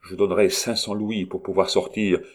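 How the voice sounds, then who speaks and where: A man reading aloud and voicing a gentle, ailing older count who speaks softly. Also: low voice, level tone, moderate pace. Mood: tender. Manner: soft, murmuring.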